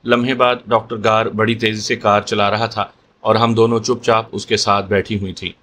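A man reading a horror audio story aloud as storyteller, in a measured, steady way. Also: fairly low pitch, slight background noise. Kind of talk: scripted horror story narration.

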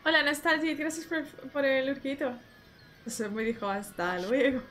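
Excitable woman streamer playing a game, reads out text, greets chat, highish voice. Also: normal speed, faint music behind. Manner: excitable, reads game text aloud, shrieks when startled; greets chat viewers by name. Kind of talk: casual game commentary.

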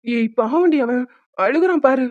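A woman's voice: high-pitched, lively intonation, moderate pace, darkish tone, no room sound, muffled recording. Woman voicing a tearful young husband. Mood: upset. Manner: emotional, tearful pleading. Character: young grieving husband and doting father. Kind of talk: cartoon voice acting.

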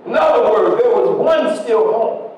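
A man preaching in a church, his voice pitched high and swinging widely as he shouts and half-sings his lines. He is picked up from some distance, so the sound rings around a very echoey sanctuary. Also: lively intonation, lo-fi sound, a little hiss or hum. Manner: preaching with sudden shouts and sung, drawn-out phrases. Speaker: pastor. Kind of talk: sermon.

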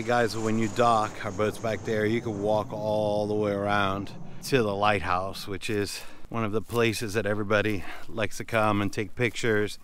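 A fishing boat captain and vlogger narrates a walking tour on a small island, talking straight to his viewers in a relaxed, conversational way. His voice is lowish, and the recording has a slight hiss or hum.

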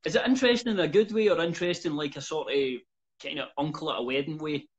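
A man's voice: on the high side, fast, breathy edge. A young man interviewing a fighter over a video call, easygoing and laughing along. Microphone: video call with earphones. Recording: dull lo-fi call audio.

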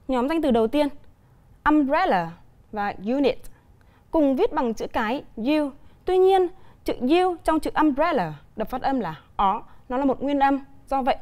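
Vietnamese-accented woman teacher, bright high register, patient televised lesson delivery. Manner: clear, deliberate explaining with examples. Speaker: English teacher.

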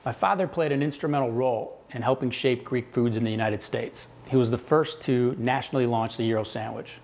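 A man's voice: medium pitch, a little fast, darkish tone. A man in his thirties, a company executive, speaking earnestly in an interview on a lapel mic in a kitchen showroom.

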